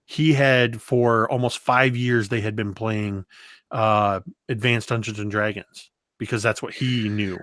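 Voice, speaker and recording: A man guesting on an interview, telling game-table stories in a lively, animated way. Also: fairly low pitch, a little slow, no echo, clean studio sound. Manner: lively storyteller, does voices and moves around. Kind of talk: casual interview talk.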